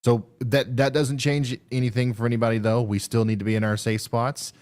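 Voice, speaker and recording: A man hosting a live severe weather stream, talking through radar updates in a halting, thinking-aloud way. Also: mid-range voice, flat delivery, a little mellow.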